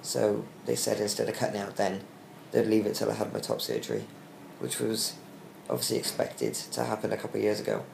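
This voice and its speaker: Weak, tired British man, low gravelly voice. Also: lively intonation, a little fast, hardly any pauses, darkish tone. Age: young adult. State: weak and tired after surgery, short of breath. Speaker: vlogger giving a recovery update. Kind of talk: casual video diary. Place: small hospital room, lying in bed. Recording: roomy echo with faint background hiss.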